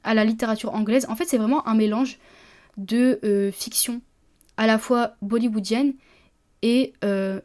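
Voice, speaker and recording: A woman's voice: medium pitch, dark tone. A woman, hosting a casual solo podcast about publishing, chatty with many fillers and restarts.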